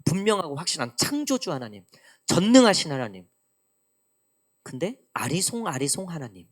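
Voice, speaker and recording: A woman pastor preaching a midweek church sermon in an animated way, acting out quoted lines. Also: on the low side. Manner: animated preaching, acts out God's teasing lines. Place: church sanctuary.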